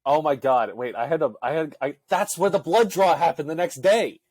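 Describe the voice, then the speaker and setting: A man's voice: fairly high pitch, normal speed, darkish tone, no echo. A young man co-hosting a podcast, telling a rambling story full of fillers and asides in casual chat. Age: young adult. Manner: rambling, filler-heavy storytelling with frequent laughs. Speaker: podcast co-host.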